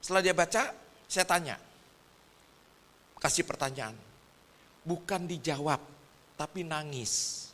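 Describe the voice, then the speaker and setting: A man from Indonesia preaching in a lively storytelling way, joking about himself and talking straight to the audience. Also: a little high, takes it slowly, long pauses, long reverb tail. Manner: chatty, addresses the audience directly, jokes about himself. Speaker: preacher and teacher.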